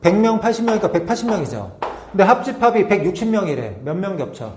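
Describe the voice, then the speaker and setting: A man teaching a math lesson step by step, often pausing to check that students follow. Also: high-pitched, sing-song, darkish tone. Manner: talks through steps slowly, checking in with tag questions. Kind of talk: whiteboard lesson walkthrough. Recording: roomy, slightly dull recording with faint noise.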